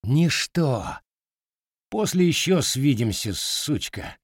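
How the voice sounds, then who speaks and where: A man voicing a rough, threatening young Cossack bully in an audiobook. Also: mid-range voice, big pitch swings, slow pace, no echo, pitched above the performer's own voice, exaggerated voice. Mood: menacing. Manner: threatening, sneering.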